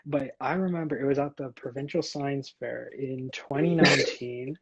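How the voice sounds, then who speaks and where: Young man, husky, muffled lo-fi chat. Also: medium pitch, moderate pace. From Canada. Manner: relaxed, storytelling, fillers like "like". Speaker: co-host. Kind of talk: casual chat. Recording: slightly muffled lo-fi sound.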